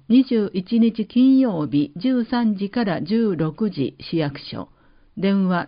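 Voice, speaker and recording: A woman announcer reading public-service notices, with slow, measured, carefully enunciated list reading. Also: medium pitch. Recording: dull lo-fi recording.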